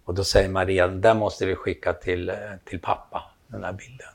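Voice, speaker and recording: A man's voice: sits low, gravelly. A man telling a long anecdote, acting out the dialogue as he goes. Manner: animated storytelling, acts out quoted dialogue. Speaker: storyteller, photographer.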